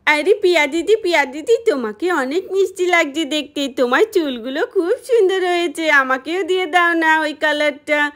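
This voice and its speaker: A woman's voice: sits high, moderate pace, fairly bright tone. A woman voicing an eager small boy in a doll story, wheedling for a favor.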